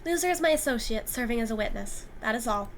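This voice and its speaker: A woman voicing a quiet, guarded young character who speaks in a low, subdued way. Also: expressive, fast, slight background noise.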